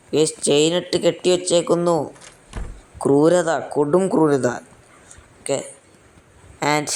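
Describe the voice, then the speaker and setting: A man's voice: on the high side, a little mellow, clear, resonant tone. A young man giving casual, joking gameplay commentary, mixing in English fillers. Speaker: gaming YouTuber.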